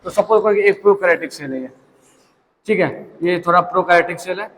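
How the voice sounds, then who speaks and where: A man's voice: high voice, brisk, a bit bright, big-room sound, low-quality recording. A young man teaching biology, asking questions and answering them himself as he tells a story. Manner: asks and answers his own questions, storytelling. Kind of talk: classroom lecture.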